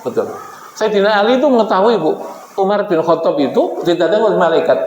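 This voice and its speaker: A man's voice: high voice, fast talker, highs cut off. A man preaching an Islamic sermon, telling stories and acting out the voices of the figures in them, often turning to the women present. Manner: animated, acts out quoted figures, addresses the women present. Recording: echoey hall with faint background noise.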